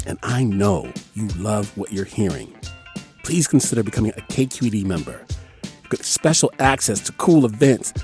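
Lively man reading a playful promo. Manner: playful, upbeat pitch. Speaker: podcast host reading a promo. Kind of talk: station fundraising promo.

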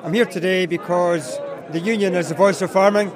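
A Scottish farmer speaks with hesitation and many fillers. His voice sits high for a man. A crowd murmurs behind him. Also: fairly even intonation, a little fast. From East Lothian, Scotland. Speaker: livestock and arable farmer.

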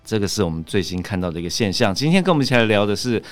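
A Taiwanese man with a deep, low voice hosts a conversational show in the manner of a public radio host. He addresses listeners and explains as he goes, with faint music in the recording. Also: big pitch swings, rapid-fire. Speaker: host, magazine editor-in-chief. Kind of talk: conversational podcast hosting.

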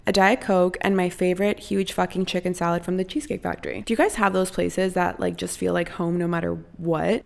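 A woman's voice: medium pitch, gravelly, darkish tone. A young woman from Costa Rica hosting her own podcast, chatting candidly and casually at home, swearing freely. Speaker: podcast host. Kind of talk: casual solo podcast chat. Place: her apartment.

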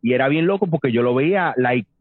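A man, telling a long personal story in casual talk, animated and mixing in English phrases. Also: medium pitch, fast talker, no echo. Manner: animated, mixes English phrases, acts out voices. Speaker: storyteller guest. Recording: tinny phone-like dry sound.

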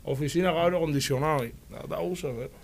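A man's voice: on the high side, fast, vocal fry. A man with a Cuban Spanish accent, a guest in a casual interview, telling his story animatedly with many restarts and tag questions.

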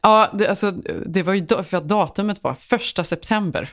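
A woman in her thirties telling a story in a casual podcast chat, acting out the voices of her family. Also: medium pitch. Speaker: podcast co-host.

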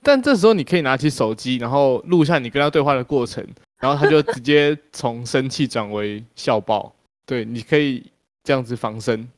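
A man's voice: medium pitch, lively intonation, fairly quick, no room sound, studio quality. A man, a podcast co-host chiming in with jokes and giggles. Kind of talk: casual group chat.

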